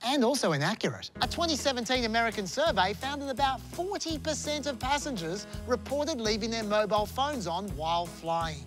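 Man, Australian accent, forties, comic presenter, swinging pitch, music underneath. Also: a little fast, few pauses. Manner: lively, sarcastic, mock-indignant. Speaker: comedy presenter. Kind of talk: scripted comic explainer to camera. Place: airport lounge and plane cabin.

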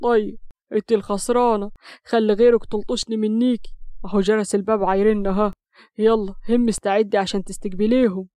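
Reading an audio story, a woman voices a teasing young husband, bantering with mock coolness in an Upper Egyptian Arabic accent. Her mid-range voice is level, brisk and warm, natural-sounding, with no echo.

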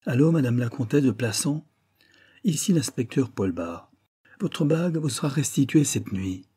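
A man's voice: mid-range voice, expressive, normal speed, warm tone, breathy edge, voice pushed up. A man reading an audiobook voices a self-assured police inspector with an ironic, teasing manner. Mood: calm.

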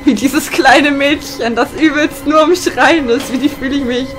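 A woman's voice: high voice, fairly even intonation, moderate pace, over music. A woman co-hosting a casual let's play, jumpy and frantic, often screaming and chattering in panic.

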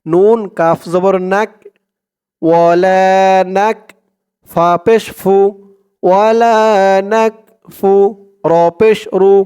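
A man teaches recitation syllable by syllable, naming each letter and vowel mark and then joining them in a patient, drawn-out chant. His voice sits high for a man and comes through very clear and clean. He moves at an unhurried pace. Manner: calm explanations, quieter and lower than the recitation.

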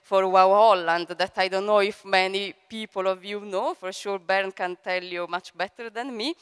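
An Italian woman hosts with a very clear, mid-range voice at a normal speed. As event director and host, she gives a conference introduction speech on stage in a large event hall, sounding hesitant, using many fillers and offering warm thanks. She speaks into a handheld microphone, and the recording carries a long hall reverb.

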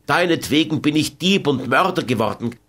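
A man's voice: fairly high pitch, lively intonation, normal speed, fairly bright tone, voice pushed up. A desperate young outlaw played by a man reading aloud pleading with the woman he loves. The voice rises slightly above normal and the words come urgent and imploring. It stays close to the reader's own voice. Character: desperate young soldier-turned-bandit, pleading lover. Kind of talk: audiobook character voice.

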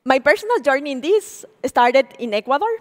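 This is a public lecture by a program director, a woman in her forties and native Spanish speaker, who speaks animatedly on a large auditorium stage and questions her audience. Her voice is high-pitched at a moderate pace; she walks with a stage mic, and the hall reverb is long.

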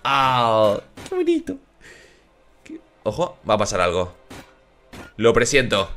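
A man with a Spain Spanish accent giving excitable reaction commentary as a YouTuber, exclaiming at the screen. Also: fairly low pitch, slow, soft background music. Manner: animated, exclaiming and shouting at the screen.

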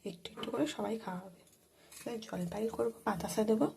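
A middle-aged woman talking softly, half in a whisper, while she cooks at home in the early morning so her family can sleep on. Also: mid-range voice, brisk, creaky, background noise. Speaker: home cooking vlogger. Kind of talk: quiet early-morning kitchen vlog. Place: home kitchen, indoors.

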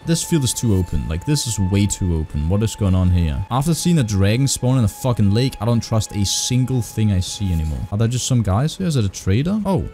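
A man doing casual, profane gameplay commentary, excitable and talking to himself, his voice heavily compressed on a close mic. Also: lowish voice, a little fast, few pauses. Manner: excitable, exclaiming, talks to himself and the game. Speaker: gaming video host. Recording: heavily compressed voice over game music. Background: game music.

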